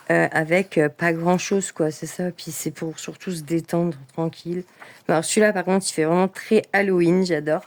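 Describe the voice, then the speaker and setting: A woman talks through her coloring books in a relaxed vlog. Her voice sits on the lower side for a woman. She is chatty and enthusiastic, with plenty of fillers and restarts. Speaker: coloring book vlogger. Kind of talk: casual vlog chat.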